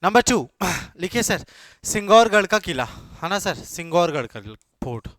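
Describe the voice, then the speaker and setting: A man with a slightly high voice runs a classroom lecture, firing questions and repeating the answers so students can note them. He keeps urging them to answer quickly. The sound is dry and close, with no room echo. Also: very animated, fairly bright tone. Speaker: teacher.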